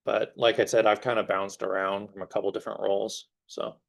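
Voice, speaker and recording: A young security engineer, in his twenties, is a guest speaker in a classroom, chatting loosely with many fillers while his voice starts to give out. He speaks briskly in a fairly low, level tone with vocal fry.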